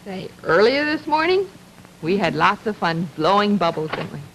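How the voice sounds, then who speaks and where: A woman presenting a 1950s children's television show, talking to young children in simple phrases with many questions and a gentle, drawn-out sing-song delivery. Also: medium pitch, sing-song. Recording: noisy 1950s television archive recording.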